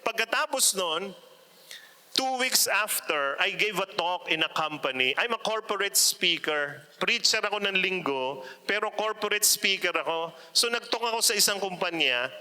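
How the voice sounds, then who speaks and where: A man's voice: sits high, moderate pace. A middle-aged man giving a humorous parenting talk to a large audience as a retreat speaker, telling stories animatedly and acting out the people he quotes. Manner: animated storyteller, acts out quoted voices, playful asides. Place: large indoor arena.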